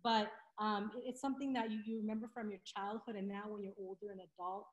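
Speaking fast in a mid-range voice with little pitch movement, this webinar presenter is a woman in her thirties on a video call from her home room with window blinds. She's chatty, full of fillers and restarts; her laptop webcam audio echoes in the room and has the highs cut off.

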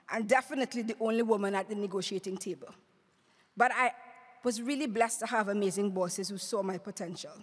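A middle-aged woman delivering a prepared, rousing speech at a podium microphone in a conference hall. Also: fairly high pitch. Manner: rhetorical, rousing, paced with emphatic lists. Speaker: award speaker. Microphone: podium mic on stand.

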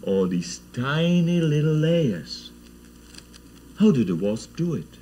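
A man voicing an excitable, scientific German man, exclaiming in German and marveling aloud. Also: fairly high pitch, slow pace, a little hiss or hum, pitched above the performer's own voice. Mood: amazed.

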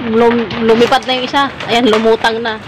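A young woman with a fairly high voice chats cheerfully to her viewers, laughing often as she films herself on a phone at arm's length. She is outdoors on a farm, and clear background noise sits under her voice. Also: little pitch movement, normal speed. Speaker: vlogger. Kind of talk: casual vlog chat.

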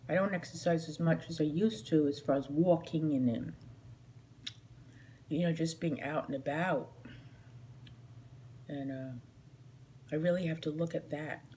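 A woman's voice: deep voice, dark tone. A middle-aged woman talks casually to the camera while eating, chewing between phrases. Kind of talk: casual mukbang chat to camera. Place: small indoor room at home. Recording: noisy home phone recording.

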